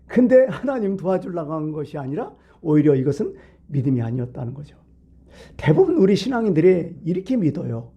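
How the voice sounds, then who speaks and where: A man's voice: a little high, very animated, fairly quick, husky, muffled recording. A male pastor giving a midweek sermon in a church, talking to the congregation in a conversational way and asking them rhetorical questions. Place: church sanctuary.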